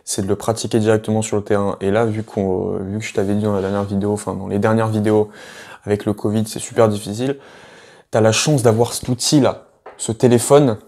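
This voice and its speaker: Fairly low and darkish, this man's voice moves little in pitch and runs a little fast. He's an English teacher giving a chatty video lesson, addressing the viewer directly and hesitating often.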